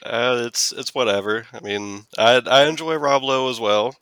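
A man's voice: medium pitch, moderate pace, fairly bright tone, clean tone, dry recording. A man as a podcast guest in casual chat, wry and self-mocking.

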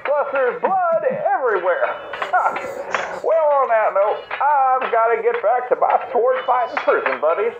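A man's voice: very high-pitched, sing-song, a little slow, music in the background, exaggerated voice. A man playing a goofy, rambling prison inmate who leaves a message on a collect call from prison. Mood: goofy boastful. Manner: rambling, boastful, stammering. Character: goofy male prison inmate calling home. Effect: prison collect call over a phone line. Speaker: caller. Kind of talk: comic voicemail bit. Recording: tinny echoey noisy phone line.

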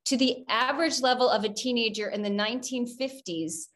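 A woman appears as the guest expert in an interview, explaining her points earnestly and at length. Her voice sits a little high. She lays out one idea after another in a steady flow. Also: a little fast, low-quality recording.

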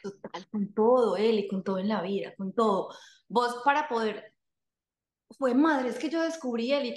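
A woman, a guest telling her story in casual conversation, repeating phrases for emphasis. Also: on the high side. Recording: echoey room.

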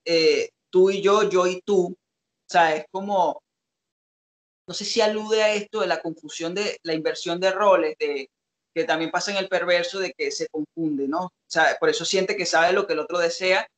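A man's voice: high-pitched, fairly even intonation, moderate pace, fairly bright tone. A man co-hosting a casual analytical talk, reflective and hesitant, with frequent fillers. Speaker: co-host analyzing song lyrics.

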